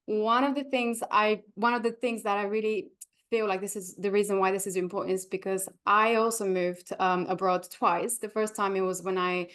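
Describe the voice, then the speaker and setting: A woman's voice: medium pitch, fairly even intonation, moderate pace, fairly bright tone. A woman from Bulgaria hosting a podcast interview, often hesitant, with many fillers and restarts. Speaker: podcast host.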